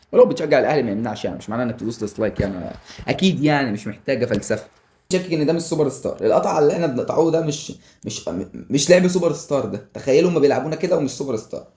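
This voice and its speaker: A man with an Egyptian Arabic accent doing excitable live commentary over a football video game, yelling at the players and joking with viewers. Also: fairly high pitch. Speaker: gaming YouTuber.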